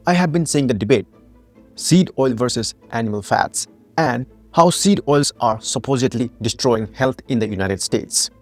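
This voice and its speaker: A man from Nepal who founded and hosts a health channel delivers a scripted educational narration full of emphatic rhetorical questions. His mid-range voice is expressive at a normal speed, with faint music in the background.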